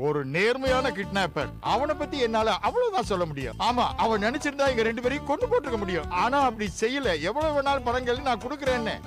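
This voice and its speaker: An actor playing an excitable young film star, speaking emphatically in a dubbed film scene. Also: male voice, extremely high pitch, fast, hardly any pauses, music in the background. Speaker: film hero.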